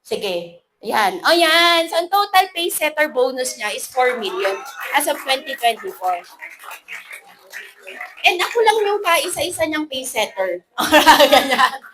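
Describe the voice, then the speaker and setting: Filipino woman, 30s, high bright voice, animated motivational speaker, playful. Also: measured pace, a little hiss or hum, low-quality recording. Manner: lively, animated, playful, mixing English into Filipino. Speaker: motivational speaker at a business event. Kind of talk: motivational talk to an audience.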